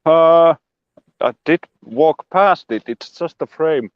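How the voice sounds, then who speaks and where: A man's voice: on the high side, slow, dry recording, lo-fi sound. A man giving a casual, rambling walking tour of his land outdoors, joking and making playful sound effects as he goes. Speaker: show regular giving a homestead tour. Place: outdoors on a rural property.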